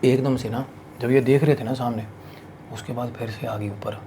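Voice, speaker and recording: Gravelly man telling a crude ghost story. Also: mid-range voice, steady tone, normal speed, mellow, a little hiss or hum. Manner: crude slangy storytelling, heavy swearing. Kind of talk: casual horror storytelling.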